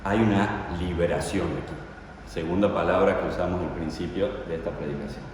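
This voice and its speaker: A man's voice: low-pitched, fairly even intonation, a little fast, a little mellow, slight background noise. A man preaching a sermon, telling the story dramatically and putting rhetorical questions to his congregation. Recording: echoey hall, voice from far off.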